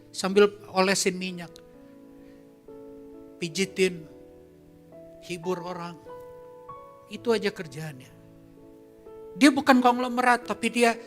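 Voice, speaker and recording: A male pastor with a high, bright, forceful voice tells a personal story as a sermon at a church service. He keeps it conversational and turns to the congregation with questions, with soft music under him.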